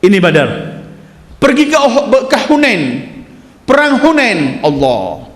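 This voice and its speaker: A man giving a sermon of Quran commentary, animated and rising to loud, emphatic recitation of verses. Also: very high-pitched, slow. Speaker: Islamic preacher. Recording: echoey hall.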